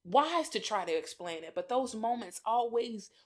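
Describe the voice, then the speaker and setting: Woman podcast host with a slightly high voice, casual and heartfelt, who addresses listeners directly as y'all. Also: lively intonation, moderate pace. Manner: chatty, addresses listeners as y'all, laughs often. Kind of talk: personal reflective address.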